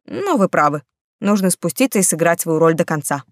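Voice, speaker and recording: A woman's voice: on the low side, expressive, a little fast, no echo, clean studio sound, natural voice. A woman voicing a confident, teasing male nobleman who speaks tenderly and playfully in an audiobook.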